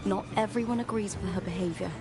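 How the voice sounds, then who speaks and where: An actress playing a calm woman explaining temple customs. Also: mid-range voice, fast, natural voice. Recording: game audio under loud music.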